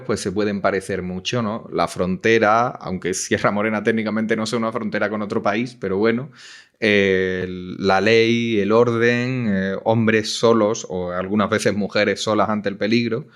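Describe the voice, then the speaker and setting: A man's voice: lowish voice, steady tone, moderate pace. A man co-hosting a film podcast, talking in a reflective way with many tags and fillers. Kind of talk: casual film discussion.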